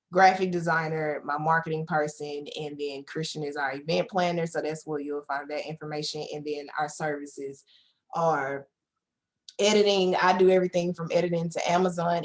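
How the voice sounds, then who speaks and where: A woman, a book publisher and editor giving a casual presentation on a video call, chatty and talking straight to her viewers. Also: sits low. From Houston, Texas. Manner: chatty, many "like" fillers, talks straight to viewers. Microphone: video call microphone.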